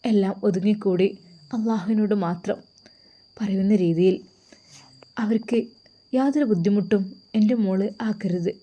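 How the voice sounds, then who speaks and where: A pious, loving older mother, played by a woman, gives tender, sorrowful advice. The tone is warm and mellow, like an audio storybook. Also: mid-range voice, moderate pace, long pauses, highs cut off, natural voice.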